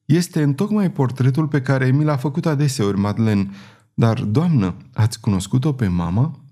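A man's voice: mid-range voice, expressive, dark tone, close to an everyday voice. A man reading as a shy tearful young girl. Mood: timid. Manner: hesitant, trembling, shy.

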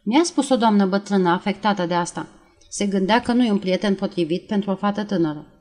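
A woman doing a calm, heavyset male officer. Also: medium pitch, lightly acted. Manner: level, flat, unhurried questioning.

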